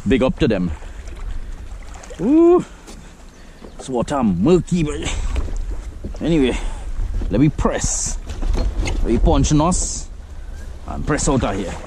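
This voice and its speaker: A Trinidadian fishing vlogger films a casual outdoor vlog from a kayak on open water, easygoing and chatty in loose Caribbean patois. His medium-pitched, dark voice is sing-song and unhurried with frequent pauses, over a little hiss or hum.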